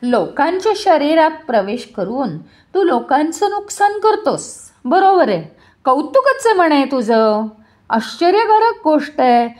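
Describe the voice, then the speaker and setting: A woman's voice: high voice, darkish tone. A woman storyteller voicing a proud, fierce divine male monkey warrior in a devotional story.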